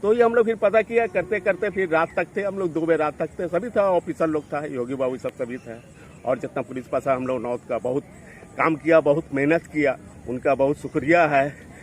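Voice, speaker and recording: A local man talks in a rambling, repetitive way, often stopping to clear his throat. His voice sits a little high for a man, and faint street noise carries around him outdoors. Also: fairly even intonation, normal speed. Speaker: local eyewitness. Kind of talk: street interview.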